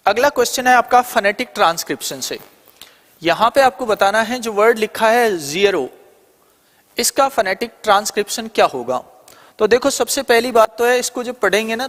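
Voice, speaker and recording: An Indian man leads an exam-prep lesson, talking through each answer choice and answering his own questions as he goes. His voice sits high for a man. The sound carries a long, reverberant room tail. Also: a bit bright. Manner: explains step by step, often asking and answering his own questions. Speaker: teacher.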